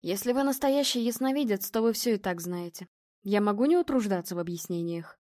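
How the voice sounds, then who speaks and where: A woman voicing a calm, slightly mocking young male police officer, in a storybook reading. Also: mid-range voice, a little fast, no echo, clean studio sound, close to an everyday voice. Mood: dry.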